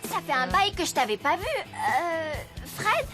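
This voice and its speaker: A woman's voice: very high voice, sing-song, a little slow, music in the background, heavily acted. A woman voicing a cheeky, glib schoolgirl in a French cartoon, chatty and a little dramatic. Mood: glib, gushing. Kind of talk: French animated series dialogue.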